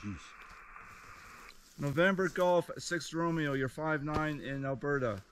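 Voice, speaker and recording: A man's voice: fairly high pitch, slow pace, a bit bright. A man working a ham radio call from a summit, reading out call signs in phonetic alphabet and giving signal reports. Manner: crisp call-sign readouts and signal reports. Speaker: amateur radio summit activator. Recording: noisy outdoor recording.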